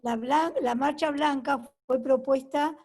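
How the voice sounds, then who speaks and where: A woman joins the meeting to set the record straight in a matter-of-fact way. She speaks insistently, and her voice sits quite high. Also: fairly even intonation, a little slow, a little mellow. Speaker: meeting participant. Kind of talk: online meeting comment.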